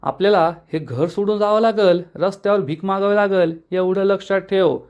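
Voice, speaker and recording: A plotting, wheedling schemer from a TV serial, coaxing his sister into a bold plan, voiced by a man retelling the scene. The voice sits rather high and stays casual, with no real change from the teller's own. It is told as a recap, not acted out. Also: moderate pace, darkish tone, clean tone. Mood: persuasive. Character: scheming younger brother, blustering man.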